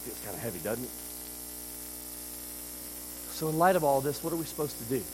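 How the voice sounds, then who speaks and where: A man preaching a sermon at a church service, swinging between loud emphasis and quiet intensity and asking the congregation rhetorical questions. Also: mid-range voice, sing-song, fairly quick, slight background noise, low-quality recording. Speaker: pastor.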